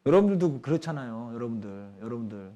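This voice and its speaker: A young adult man preaching a youth sermon, animated, acting out quoted people in lively voices. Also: mid-range voice, fast talker.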